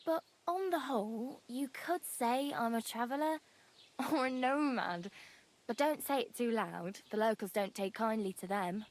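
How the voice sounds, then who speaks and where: A woman's voice: a little high, a little slow, close to an everyday voice. An actress playing a cheerful, chatty young female wanderer in a game. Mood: friendly. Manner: friendly, chatty, laughs easily.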